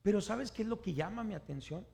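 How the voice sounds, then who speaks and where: A man's voice: sits high, lively intonation, quick pace, vocal fry, a little mellow. A man preaching a sermon, asking his listeners questions and acting out the people he quotes. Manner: asks the congregation questions and acts out the people he quotes.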